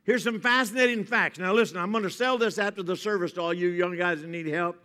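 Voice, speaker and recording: A man preaching a sermon at a pulpit microphone in a church, moving from joking to a softer, reflective tone. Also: high-pitched, quick pace. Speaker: pastor. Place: church sanctuary. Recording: reverberant church hall.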